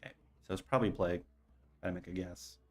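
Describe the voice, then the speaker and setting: A man giving casual, low-key gameplay commentary, thinking aloud as he plays. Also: fairly even intonation, quick pace, husky. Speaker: streamer playing a card game. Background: faint game music.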